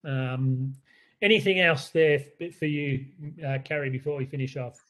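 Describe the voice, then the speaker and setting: A man's voice: mid-range voice, fairly even intonation, moderate pace, a bit bright. An Australian man who leads a school, presenting to parents in an earnest, conversational way with many fillers and restarts. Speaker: school leader.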